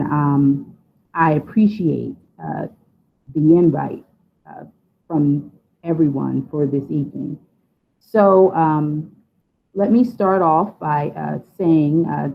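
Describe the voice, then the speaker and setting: Hesitant woman with gravelly, tinny audio. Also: low voice, a little hiss or hum. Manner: hesitant, many fillers. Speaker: guest speaker on funding. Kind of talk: unscripted presentation. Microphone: video call.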